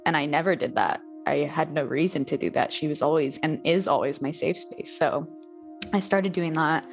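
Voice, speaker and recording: A young woman speaking openly and reflectively as an interview guest, with soft laughs. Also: deep voice, normal speed, faint music behind. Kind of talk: candid personal interview.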